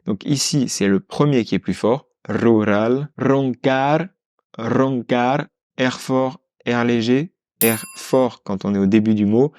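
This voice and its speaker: A man's voice: mid-range voice, moderate pace, darkish tone, no echo, clean studio sound. A man teaching pronunciation in an informal tutorial, demonstrating rolled R sounds and words as he explains. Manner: informal, jokey.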